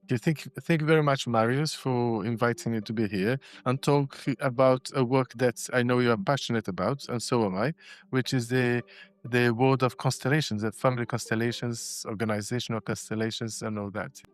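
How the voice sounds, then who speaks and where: A Brazilian man in his 60s, a constellations facilitator and shiatsu practitioner, tells his story as a guest on a casual podcast. His medium-pitched voice moves briskly, though he reflects as he goes and often restarts and repeats words.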